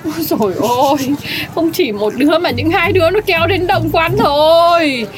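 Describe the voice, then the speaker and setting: A woman's voice: very high-pitched, normal speed. A woman playing a feisty old café owner. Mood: scolding. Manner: bossy, scolding, swooping. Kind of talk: comedic audio drama.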